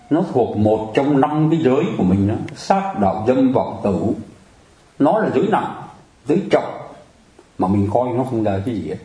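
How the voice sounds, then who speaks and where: A man's voice: medium pitch, mellow, reverberant, poor audio. A man giving a Buddhist sermon in a chatty way, often turning to the audience and joking. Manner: conversational, addresses the audience often, jokes and laughs. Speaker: Buddhist preacher. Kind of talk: dharma talk sermon.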